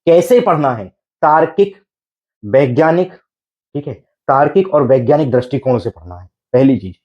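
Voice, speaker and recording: A man's voice: medium pitch, lively intonation, moderate pace, dull audio. A man teaching an exam preparation class, coaxing his students with repeated rhetorical questions and frequent check-ins. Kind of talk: exam coaching lecture.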